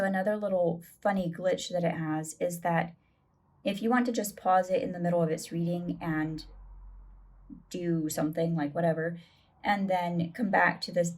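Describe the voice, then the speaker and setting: A woman hosting a screen-recorded tutorial, explaining an app step by step in a relaxed, chatty way. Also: on the low side, moderate pace. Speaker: tutorial host.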